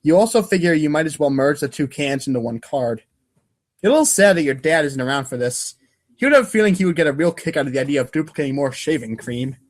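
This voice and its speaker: A man narrates a webcomic readers' theater script in a slightly high voice, animated and fast. It's a dramatic reading with a wry edge, and he sometimes trips over the text.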